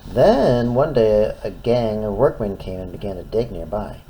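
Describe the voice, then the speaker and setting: A man reads a storybook as if to a toddler, with a mellow voice and very animated intonation. He is expressive and simple in delivery. There is clear noise in the background. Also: lowish voice, a little slow, low-quality recording. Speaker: storytime reader. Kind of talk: children's story read aloud.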